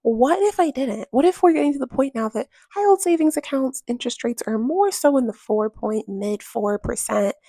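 A woman's voice: high-pitched, lively intonation, normal speed, hardly any pauses, warm tone, no echo. A young woman in casual voice-over chat about her home and money, candid and emphatic, often firing off rhetorical questions. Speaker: home vlogger. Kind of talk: voice-over chat while cleaning.

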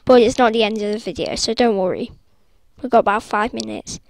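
Chatty high-voiced woman. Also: brisk, gravelly, a little mellow, no room sound. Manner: chatty and rambling, with sudden squeals and apologies. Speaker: gaming vlogger. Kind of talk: casual game commentary. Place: sitting up in bed at home. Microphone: laptop recording.

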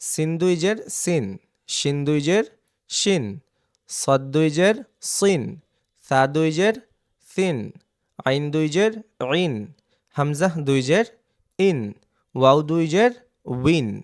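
A man gives a reading lesson on Arabic letters, sounding out each syllable and repeating it several times. His voice sits a little high and he speaks very slowly, pausing to check that his students are following. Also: clean tone. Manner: slow, drilling syllables one by one, asking "ঠিক আছে?". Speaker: Quran reading teacher. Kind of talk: online recitation lesson.

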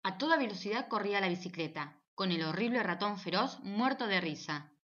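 A woman narrating a children's storybook in an animated, playful way. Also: mid-range voice, a little fast, muffled recording. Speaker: audiobook narrator.

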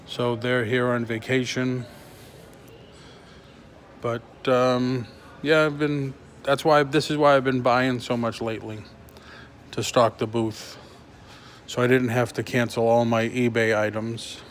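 The speaker is a middle-aged toy reseller going live from a concrete-floored antique mall booth, his medium-pitched voice steady as he haltingly reads viewer comments and responds. The phone is handheld, at arm's length or closer, and the surrounding noise is plainly audible.

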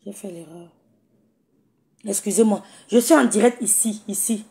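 Hoarse woman chatting live. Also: mid-range voice, normal speed, darkish tone. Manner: chatty, greets viewers by name, affectionate and teasing. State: hoarse, croaky voice. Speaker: live streamer. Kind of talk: casual live stream chat. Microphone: phone.

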